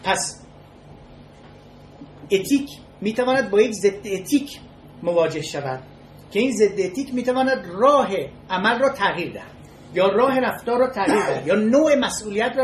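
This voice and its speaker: Halting, measured lecturer in an echoey room. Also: mid-range voice. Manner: measured and halting, restating key words and pausing between phrases. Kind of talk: spoken lecture on ethics with storytelling. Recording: echoey room with faint noise.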